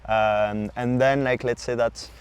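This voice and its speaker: A sommelier from France presents wine regions on a podcast in an informal, explanatory way, with a clear French accent. His voice is average male pitch and steady in tone. As a non-native speaker, his phrasing is hesitant and halting.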